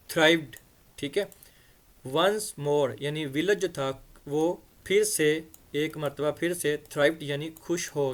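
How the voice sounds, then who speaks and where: A man from Pakistan teaching English through a story, reading each phrase slowly and explaining it in Urdu, often repeating words to drill their pronunciation. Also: a little high, fairly bright tone. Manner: reads English phrases slowly, then explains them at length.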